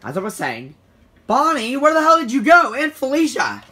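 A dim, jumpy male animatronic bear, as a performer puts him on in a homemade puppet skit. The voice is bright and sharp and climbs and drops all over. He keeps lurching from yelling to mumbling under his breath. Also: high voice, wildly swooping pitch, moderate pace, breathy edge, pitched above the performer's own voice, exaggerated voice. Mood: goofy. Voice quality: swings from shouting to mumbling.

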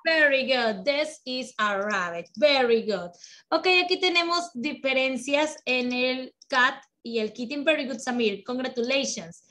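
A woman teaching English to children over a video call, encouraging and slow, switching between English and Spanish. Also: high voice, pushed and bright. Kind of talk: online children's class.

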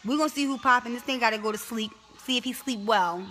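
A woman's voice: on the high side, fast talker, bright, forceful tone, faint music behind. Teasing Baltimore woman livestreaming from bed. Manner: teasing, profane, addresses viewers. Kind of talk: casual livestream chat. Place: bedroom, in bed.

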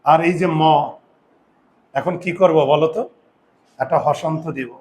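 Male teacher, classroom lesson, quizzes students, stretches sounds out slowly, slightly raised pitch.

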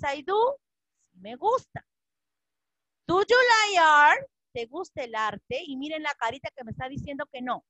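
A woman's voice: sits high, fairly bright tone, dry recording. A woman teaching English to children, patiently repeating each phrase and translating it. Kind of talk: classroom lesson for children.

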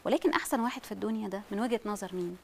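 A woman with an Egyptian Arabic accent speaking as a parenting specialist on a studio talk show, animated and acting out what parents say. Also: medium pitch, very fast, creaky, a little hiss or hum.

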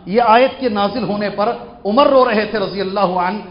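A high-pitched male scholar delivers a fervent Quran lesson, quizzing his audience and climbing to impassioned crescendos. The recording is dull and lo-fi, with the echo of a large hall around him. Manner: fervent, rising to impassioned peaks, questions the audience.

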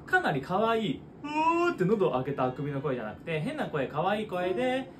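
A man's voice: high-pitched, very animated, brisk. A man teaching as a voice trainer, explaining vocal technique and breaking into short sung demonstrations. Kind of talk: singing lesson explanation. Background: guitar music.

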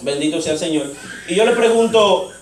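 A man's voice: high voice, lively intonation, a little fast. A man preaching a sermon, telling a story and acting out both sides of a conversation. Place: church sanctuary. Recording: echoey church, mic far off.

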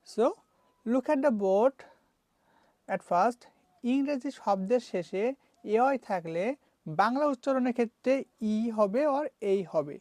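A woman's voice: fairly high pitch, lively intonation, measured pace, darkish tone, no echo. A woman teaching English pronunciation, repeating each word several times as a drill. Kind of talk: classroom lesson mixing English and Bengali.

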